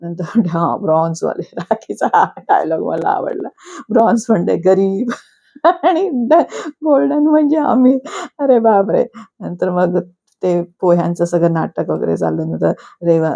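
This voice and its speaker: A middle-aged woman chats through a reality show recap in a low, steady voice with a gravelly edge and a mellow tone. She quotes the contestants as she retells their quarrels and laughs often as she goes.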